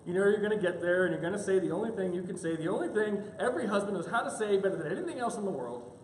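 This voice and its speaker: A man's voice: high-pitched, rapid-fire, a little hiss or hum. A man preaching a sermon, telling a story and acting out the people in it. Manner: animated, acts out characters in quoted asides. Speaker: pastor. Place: church sanctuary. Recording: echoey church hall.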